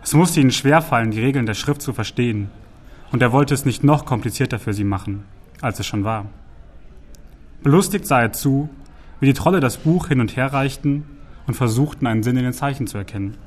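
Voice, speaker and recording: A man narrating a fantasy audiobook in an even, measured storytelling manner. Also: mid-range voice.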